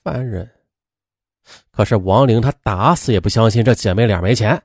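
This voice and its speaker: A man's voice: lowish voice, normal speed, no room sound, studio quality. A man narrating a true-crime story in a chatty way, with frequent fillers.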